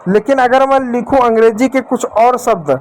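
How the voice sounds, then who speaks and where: A man's voice: very high voice, normal speed. A man teaching a lesson to children, speaking to them directly and checking in often. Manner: addresses children directly, repeats and checks with "ठीक है". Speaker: English teacher. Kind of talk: classroom-style lesson for children.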